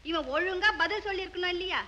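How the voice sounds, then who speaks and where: A woman's voice: very high-pitched, fast talker, bright, forceful tone, lo-fi sound. An actress playing a chatty office woman who eagerly tells every local scandal, in a 1970s film drama. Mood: gleeful. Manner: eager, gossipy storytelling. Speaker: office gossip.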